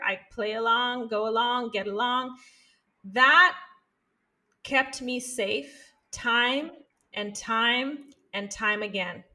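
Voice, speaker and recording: A woman's voice: fairly high pitch, pushed and bright. A woman psychologist and author, a podcast guest, talking earnestly and animatedly, often checking in with "right?". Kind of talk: conversational interview.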